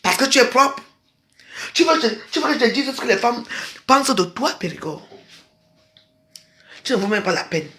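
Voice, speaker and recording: Woman, 50s, from Cameroon: accusatory vlog rant, loud then muttered, roomy echo. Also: fairly high pitch, sing-song, normal speed, long pauses. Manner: scolding, accusatory, shifts from shouting to quiet. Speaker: social media vlogger. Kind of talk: angry personal rant to camera. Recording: echoey room.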